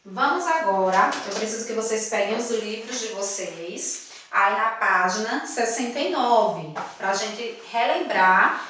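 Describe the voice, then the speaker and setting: A woman teaching a primary school class in a recorded lesson, explaining slowly and stressing syllables as she quizzes the children. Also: mid-range voice, lively intonation, sharp tone, far from the mic, slight background noise. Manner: slow emphatic syllable-stressing explanations with quiz questions. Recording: echoey room, voice away from the mic.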